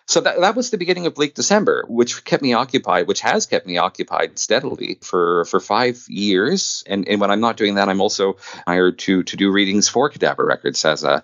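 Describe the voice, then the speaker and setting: A middle-aged audio drama producer and narrator, appearing as a podcast guest, tells stories in an enthusiastic, self-deprecating, conversational interview style. His voice is deep and slightly bright. The audio is dry and muffled.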